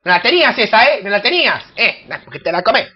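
A host with an Argentine accent, brashly teasing and shouting insults at strangers in a crude comedic video chat. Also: mid-range voice, big pitch swings, fast, husky. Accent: Argentine Spanish. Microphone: computer webcam mic. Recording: dull lo-fi webcam audio with faint hiss.

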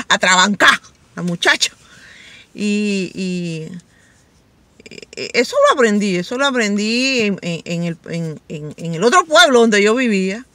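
A middle-aged woman vlogger tells stories straight to camera in a casual, chatty, lively style, laughing a lot and doing quoted voices in a high pitch. There's no echo on the recording.

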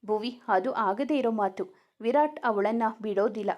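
A woman voicing a caring middle-aged mother who speaks gently but firmly. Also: on the high side, moderate pace, natural voice.

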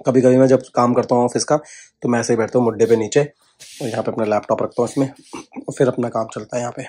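A man's voice: mid-range voice, fairly even intonation, fast talker, mellow. A man chatting casually to the camera in a home vlog, sharing tips and calling his viewers brother. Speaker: vlogger. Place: at home, indoors.

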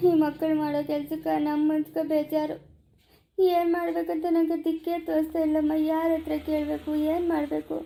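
A woman's voice: high voice, little pitch movement, fairly quick, gravelly, mellow. A woman playing a worried village wife who laments helplessly, in an amateur family drama. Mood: distressed.

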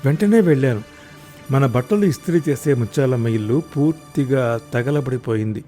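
A man narrating a first-person audio story, raising his voice loudly in the angry husband's lines. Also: medium pitch, normal speed, soft background music.

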